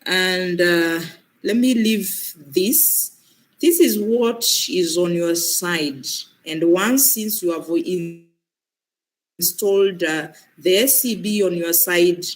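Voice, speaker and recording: With a lowish voice on a rough recording, a woman from Kenya who has a cold leads students step by step through an online exam. Her voice breaks at times, and she patiently repeats herself throughout the live training demonstration.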